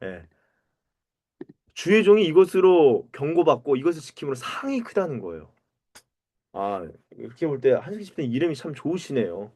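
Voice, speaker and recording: A pastor leading a Bible study, asking questions and calling on people to read. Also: male voice, on the high side, normal speed. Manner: animated, asks the group questions and calls on readers.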